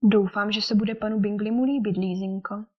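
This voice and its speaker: A woman reading the lines of a dry, teasing older English gentleman and father in an audiobook. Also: mid-range voice, steady tone, natural voice. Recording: dull lo-fi recording.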